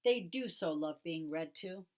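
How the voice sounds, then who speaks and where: A woman's voice: fairly low pitch, animated, unhurried. A woman voicing a patient, understanding mother hen in a picture book. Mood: fond. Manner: mild, understanding.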